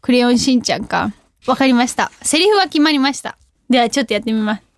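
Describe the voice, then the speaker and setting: A woman's voice: on the high side, animated, fast, dry recording, clean studio sound. A young woman hosting a radio show, reading listener mail in a giggly, self-deprecating way. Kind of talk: casual radio chat. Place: radio studio.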